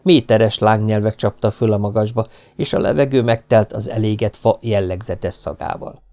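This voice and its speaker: Man narrating an audiobook, kinda gravelly voice, steady even reading. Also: on the low side.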